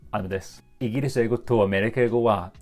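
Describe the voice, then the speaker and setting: A man's voice: lowish voice, fast, a little mellow, faint music behind. A man from Britain, a native English speaker, teaching vocabulary in Japanese and repeating each word three times.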